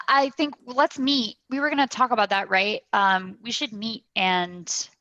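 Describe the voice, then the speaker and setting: A woman hosting an online event over a video call, chatty and upbeat, talking in quick restarts. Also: medium pitch, gravelly, pushed and bright, no echo, highs cut off. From United States. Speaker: event host. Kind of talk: casual video call chat.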